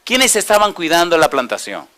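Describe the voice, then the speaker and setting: A male pastor preaching a sermon, asking the congregation questions and answering them himself, and reading scripture slowly. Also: on the high side, big pitch swings, pushed and bright. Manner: reads scripture slowly and deliberately.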